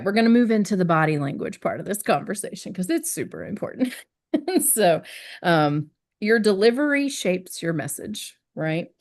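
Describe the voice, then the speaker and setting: A woman leads a wellness discussion in a lowish voice. She explains patiently and earnestly, and she often pauses to check that her listeners follow. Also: a little mellow. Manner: earnest, explanatory, frequent "right?" check-ins. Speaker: wellness team presenter. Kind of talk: teaching discussion.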